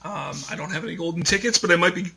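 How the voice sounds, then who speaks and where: A man's voice: sits high, rapid-fire, creaky, pushed and bright, rough recording. A man hosting a casual comedy podcast, reading out a news story and laughing along. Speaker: podcast host.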